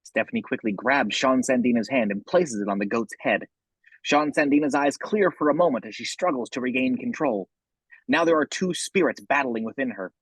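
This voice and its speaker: A man narrates a horror script in a husky voice, describing each action in the present tense. The recording is dry and close, with no room around him. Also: mid-range voice, normal speed, a bit bright, no room sound, rough recording.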